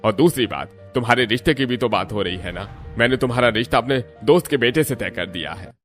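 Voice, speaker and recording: A man's voice: mid-range voice, expressive, fast talker, fairly bright tone, soft background music, natural voice. A man voicing a strict, domineering older father in a cartoon, stern and commanding. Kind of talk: cartoon voice acting.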